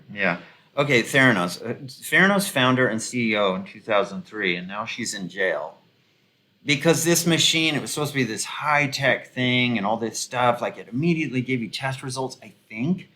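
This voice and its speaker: A man's voice: mid-range voice, animated, normal speed, bright, forceful tone. A man giving casual, rambling commentary full of ums and restarts, with a sarcastic, mocking edge. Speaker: video commentator.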